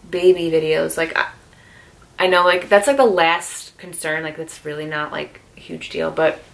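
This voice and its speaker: Young woman, casual vlog, slightly low pitch, rambling, filler-heavy, tired, emotional. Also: vocal fry, fairly bright tone. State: tired and emotional, out of breath at times. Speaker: vlogger.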